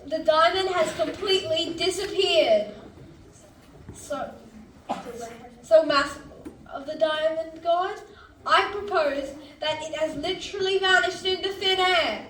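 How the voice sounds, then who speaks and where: A woman's voice: very high-pitched, takes it slowly, a bit bright, slight background noise, exaggerated voice. A woman playing a showy French male scientist in a stage musical, speaking in a grand, formal, declamatory way. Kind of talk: stage musical acting, theatrical presentation. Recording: distant, echoey stage recording with music.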